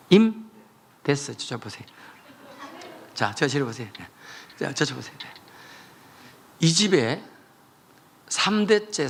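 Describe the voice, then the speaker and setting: A man preaching a revival sermon, telling the story with animated voices. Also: mid-range voice, vocal fry, slightly rough. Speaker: pastor.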